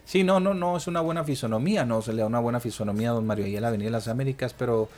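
A man with a medium-pitched voice and a northern Mexican border accent hosts a radio call-in. He talks casually and colloquially, explaining as he goes and often tagging on a question to check agreement. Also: racing, a little mellow, slight background noise.

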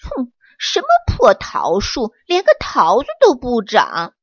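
A woman voicing a lively, excitable young male monkey in a children's storybook, with a high, quick and eager voice. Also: no room sound, lo-fi sound. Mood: fretful. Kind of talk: storybook character voice.

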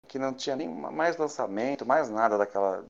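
Casual male talker, São Paulo Brazilian Portuguese accent, mid-pitched, enthusiastic and slangy, on slightly dull lo-fi audio. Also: expressive, brisk, vocal fry. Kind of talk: casual chat.

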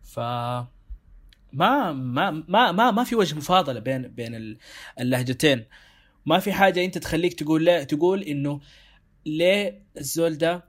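A man's voice: a little high, fast. A man with a Sudanese accent co-hosting a casual discussion, reflective and thinking aloud as he circles back to his point. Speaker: show co-host.

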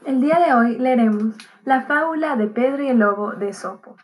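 A woman narrating a fable as a gentle, calm bedtime story. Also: fairly high pitch, moderate pace, low-quality recording.

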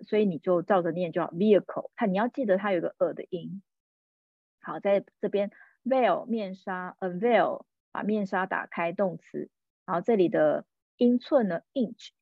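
A woman's voice: mid-range voice, vocal fry, no room sound. Female podcast teacher, casual, drills pronunciation by repetition; tinny dry recording. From Taiwan. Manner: repeats words slowly to demonstrate pronunciation. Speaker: podcast host and English teacher. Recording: tinny phone-like sound.

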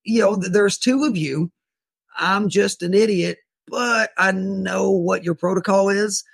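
This podcast guest, a man with a high, gravelly, slightly rough voice, tells an interviewer in the first person about a tense run-in with police while defending himself. He acts out what he said, frequently restarting and repeating words, with no room sound in the recording.

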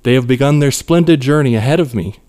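A man voicing a grandiose male cult leader who speaks slowly and solemnly, like a preacher. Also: medium pitch, dark tone, close to an everyday voice.

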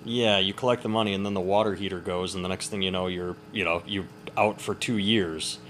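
At night in an upstairs room at home, a podcast host rambles and swears through his stories while staying quiet and subdued, holding back because others are sleeping nearby. His voice sits low with a steady tone and a slightly fast pace, and background noise in the room is clearly audible.

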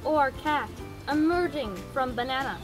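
A young woman on the higher side reads out silly would-you-rather questions in a dry, playful way. Music plays clearly behind her voice. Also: normal speed, rough recording. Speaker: question asker.

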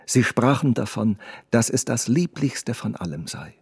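Man doing bashful young girl in love, hushed and breathy, low and mellow. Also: animated, measured pace, no echo, clean studio sound, full character voice. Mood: shy. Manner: soft, hushed, near whispering. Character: shy, tender young woman in love.

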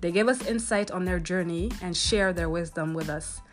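Friendly woman podcast host, slightly low voice, faint music underneath. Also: normal speed. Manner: friendly, laughs often, many short acknowledgements. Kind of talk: interview podcast.

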